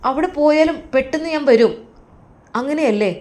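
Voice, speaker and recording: A devoted young man, as a woman storyteller voices him. He talks in an earnest, reassuring way to the old couple, with a quiet undercurrent of guilt. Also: high voice, moderate pace, voice pushed up, close to an everyday voice.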